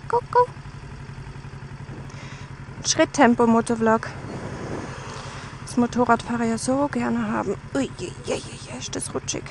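A woman's voice: on the high side, noisy background. A young woman, chatting casually and self-mockingly into her helmet camera as a motovlogger. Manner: giggly, self-mocking, switches between German and English. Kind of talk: casual helmet-cam vlog chat. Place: on a motorbike outdoors, then indoors in a garage. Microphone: helmet-mounted camera mic.

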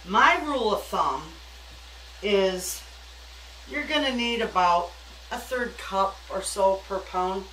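An older woman talks through her cooking in a homespun, chatty kitchen manner. Her voice sits at an average pitch. She is recorded a little way from the mic in an echoey room, with light noise behind her. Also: animated, slow pace, long pauses, fairly bright tone, far from the mic. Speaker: home cook, cooking show host. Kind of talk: casual kitchen cooking demonstration. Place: home kitchen, indoors at the stove. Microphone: camera a few feet away.

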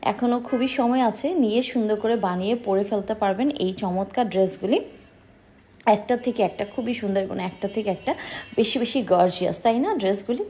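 A woman's voice: medium pitch, normal speed, warm tone, a little hiss or hum. A woman in her thirties, a boutique owner, showing dresses in an eager, persuasive sales vlog in a small indoor shop. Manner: enthusiastic, persuasive, addresses viewers as sisters.

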